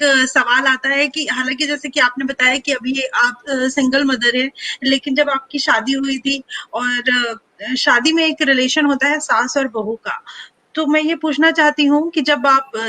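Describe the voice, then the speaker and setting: A young woman asking an interview guest questions politely, with hesitant pauses. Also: sits high, sharp tone.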